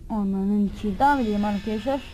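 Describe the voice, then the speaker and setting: A woman's voice: mid-range voice, quick pace, dark tone, slight background noise, low-quality recording. A woman hosting a channel, giving frightened, pleading let's-play commentary on a horror game and swearing often. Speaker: gamer and channel host.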